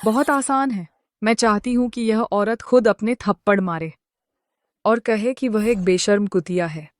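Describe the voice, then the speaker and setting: An actress dubbing a vengeful wife back from an asylum, cold and commanding. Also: female voice, mid-range voice, a little slow, no room sound, studio quality, lightly acted. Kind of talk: Hindi dub of a drama.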